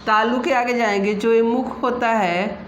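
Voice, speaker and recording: Woman teacher, slow and patient, quizzing her students, roomy echo, faint hiss behind. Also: a little high, fairly even intonation. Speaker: Hindi teacher. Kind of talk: online exam-prep lesson. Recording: echoey room with faint noise.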